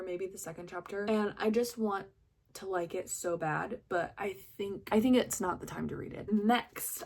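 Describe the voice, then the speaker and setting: A woman's voice: mid-range voice, gravelly, darkish tone, breathy edge. A young woman chatting casually and effusively about books she read, with lots of fillers. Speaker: book reviewer. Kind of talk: casual book review vlog.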